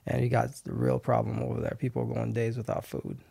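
A man's voice: medium pitch, flat delivery, quick pace, gravelly, dark tone, no room sound. A man in his thirties from Haiti, a guest chatting easily in an interview, laughing often and restarting his sentences. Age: 30s. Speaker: podcast guest. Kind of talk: casual interview chat.

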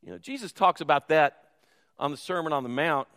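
Speaking a little fast in a voice on the high side and fairly bright, a pastor delivers a conversational sermon in a church sanctuary. He questions and jokes with the congregation, his words echoing through the reverberant hall.

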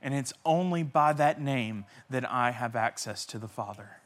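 A man pastor preaching a sermon with passion, swinging between loud cries and hushed near-whispers, repeating key phrases for emphasis. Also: mid-range voice, moderate pace.

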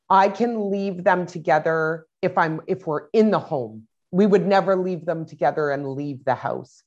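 A woman in her thirties, a parent talking casually in an interview, rambling with many fillers and restarts. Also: deep voice. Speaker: parent guest. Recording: dull lo-fi sound.

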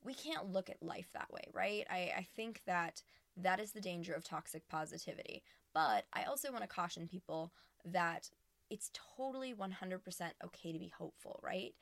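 A woman's voice: fairly low pitch, moderate pace, vocal fry, no echo. A woman hosting her podcast in casual, earnest chat, recorded inside a small empty closet. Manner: chatty and earnest, with frequent restarts. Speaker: podcast host. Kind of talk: casual solo podcast talk.

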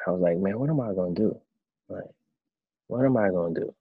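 Man, 30s, very low voice, relaxed storyteller, dry dull-sounding recording. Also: a little fast, husky, no room sound. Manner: relaxed storytelling, acts out his own past thoughts. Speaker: former quarterback turned coach. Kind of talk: casual interview answers.

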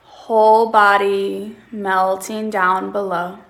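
Slow, creaky woman counting breaths in meditation. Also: mid-range voice, little pitch movement, fairly bright tone, poor audio. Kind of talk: guided relaxation meditation.

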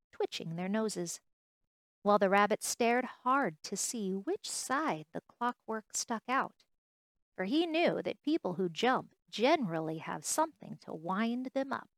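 A woman narrates a children's storybook in a gentle, softly expressive voice of middling pitch. She reads very slowly and deliberately, and the recording is close and dry with no room sound. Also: dry recording.

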